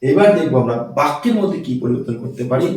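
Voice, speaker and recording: A male teacher giving a grammar lesson with a mellow, dark voice, repeating each key word and firing quick questions at his pupils. He stands away from the microphone in a very echoey classroom. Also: fairly high pitch, lively intonation, far from the mic. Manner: repeats key words and quizzes students. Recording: echoey room, off-mic.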